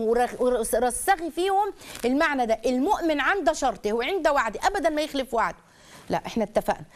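A middle-aged woman with an Egyptian Arabic accent, hosting an advice talk show as a family counselor, talking in an animated way and acting out the voices of the family members she quotes. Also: fairly high pitch. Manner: rapid, animated, acts out quoted family dialogue.

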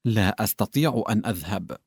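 A man's voice: fairly low pitch, animated, moderate pace, a little mellow, dry recording. A man voicing a grieving doctor who is weary and nervous, refusing in a drained voice, recorded dry and close.

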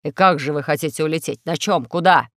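A woman voicing a proud, stubborn male inspector with a firm, low manner. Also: brisk, no echo, studio quality, close to an everyday voice.

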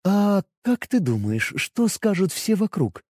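A man voicing a proud, scornful young high-elf woman rogue in an audiobook, silky and condescending. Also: sing-song, measured pace, darkish tone, breathy edge, no echo, studio quality, heavily acted. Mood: velvety. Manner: silky, condescending, turns sharply imperious.

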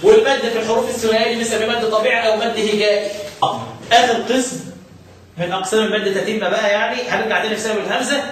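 A man with an Egyptian Arabic accent teaching a recitation lesson. He quizzes his students and repeats key terms slowly. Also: high-pitched, steady tone, fairly bright tone. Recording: echoey room, distant mic, faint noise.

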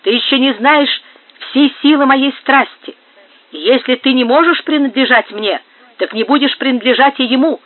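A man's voice: very high voice, moderate pace, no echo. A man reading a heartbroken, jealous young man with anguished intensity, heard through a narrow phone-like sound.

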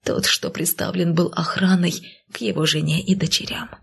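A woman's voice: on the low side, normal speed, vocal fry, slightly rough, full character voice. A woman doing a frightened undead mother, whispery. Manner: soft, whispered and beseeching.

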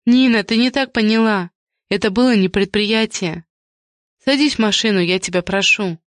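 A woman's voice: mid-range voice, moderate pace, dry recording, studio quality, lightly acted. A woman reading an audiobook voices a desperate, lovesick woman who pleads in a raised voice. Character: desperate lovesick woman, Alina, later coldly scheming.

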